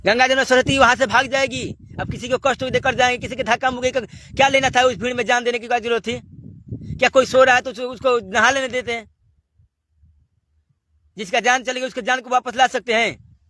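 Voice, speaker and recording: High, bright-voiced preacher man. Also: steady tone, brisk. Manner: exhorting, asks rhetorical questions. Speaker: spiritual preacher. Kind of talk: devotional sermon.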